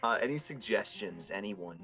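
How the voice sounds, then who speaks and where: A man's voice: fairly low pitch, expressive, normal speed, bright, forceful tone, faint music behind. A man playing a tabletop game, eager and playful. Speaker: player.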